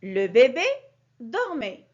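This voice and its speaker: A woman teaching a grammar lesson to young children, with a clear, sing-song teacherly delivery that stresses key words. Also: fairly high pitch, sing-song, takes it slowly, a little mellow. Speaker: primary school teacher. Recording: dull lo-fi recording.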